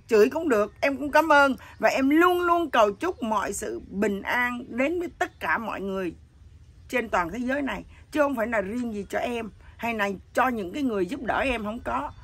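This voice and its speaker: A middle-aged woman with a husky voice that sounds neither male nor female, telling her story bluntly and with animation. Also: on the high side, a bit bright. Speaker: interviewee. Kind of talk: candid emotional chat.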